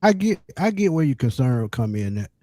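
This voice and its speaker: Dark-voiced man breaking down football. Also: medium pitch, big pitch swings, fairly quick, slight background noise. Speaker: sports podcast host. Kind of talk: casual sports chat.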